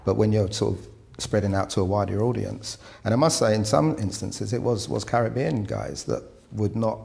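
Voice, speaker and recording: A man born in Britain, speaking in a measured, halting way in a documentary interview. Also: fairly low pitch, lively intonation, vocal fry, darkish tone.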